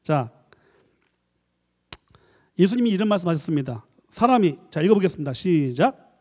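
A man, a professor, giving a lively church lecture, acting out little dialogues and coaxing his listeners. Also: sits high, normal speed. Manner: animated, acts out dialogues, coaxing the audience. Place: church hall. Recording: long hall reverb.

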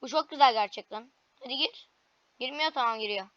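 Excitable high-voiced woman gaming. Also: brisk, muffled recording. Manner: excitable, frequent frustrated cries and cheers. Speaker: gaming video creator. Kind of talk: gameplay commentary.

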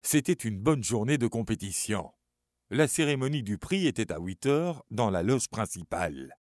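Expressive male story narrator. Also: fairly low pitch, normal speed, no echo, studio quality. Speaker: audiobook narrator.

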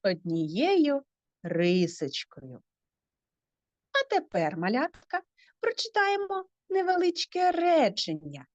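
Slow sing-song woman teaching phonics. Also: high voice, a little mellow, no echo, highs cut off. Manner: drawn-out words, rising questions to the children. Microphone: video call.

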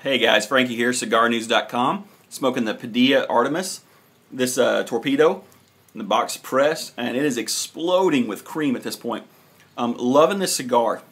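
Man casually reviewing, mid-pitched and hesitant. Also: normal speed, fairly bright tone. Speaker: cigar reviewer, host. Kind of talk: casual video review to camera. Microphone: camera at arm's length.

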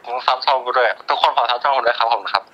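A man's voice: mid-range voice, fairly even intonation, rapid-fire, bright, forceful tone. A teenage boy chatting on a phone call, hesitant and stammering. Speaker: friend on the call. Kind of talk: casual phone chat.

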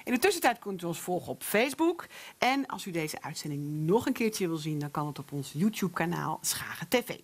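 Female host of a local talk show; practical, brisk closing remarks to the audience. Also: fairly low pitch, big pitch swings, slightly rough. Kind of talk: closing announcements. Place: village café before a live audience.

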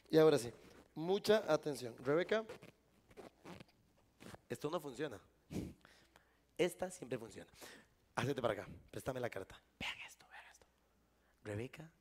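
A Costa Rican man performing a live magic trick on stage, joking with a volunteer and the crowd. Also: medium pitch. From Costa Rica. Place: live event before an audience.

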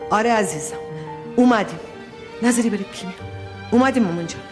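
An actress plays a take-charge woman who calms a frantic mother and gives firm, quick directions on the phone. Her voice sits in a middle range. A TV drama score plays clearly beneath her lines. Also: mid-range voice, over music, natural voice. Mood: brisk. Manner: soothing, brisk. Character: calming woman on the phone, steadying a distraught mother. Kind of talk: TV drama dialogue. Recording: drama score under the dialogue.

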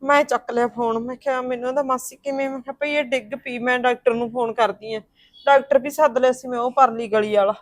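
An actress playing a woman who comforts and reassures her grieving sister-in-law and calmly explains what has happened. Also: a little high, a little fast, no room sound, studio quality, close to an everyday voice. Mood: explaining. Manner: soothing, reassuring, talks it through. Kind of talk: Punjabi family drama acting.

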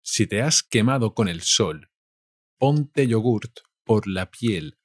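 A man from Spain with a Spanish accent, teaching vocabulary in a slow lesson and saying each word twice. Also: on the low side, animated, dry recording, studio quality.

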